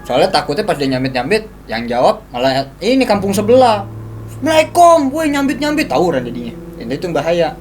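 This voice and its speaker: A man's voice: on the high side, big pitch swings, a little fast, hardly any pauses, a little mellow, faint music behind. A man chipping in with jokes during casual chat. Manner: joking, chipping in with quips. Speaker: podcast co-host.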